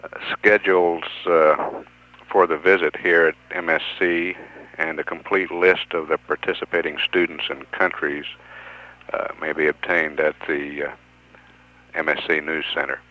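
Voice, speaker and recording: Man, mission control radio announcer: very deep, monotone, radio-filtered, dull 1970s lo-fi. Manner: measured, even delivery with occasional "uh" pauses. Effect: radio transmission sound over a mission control loop. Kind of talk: formal mission status announcement.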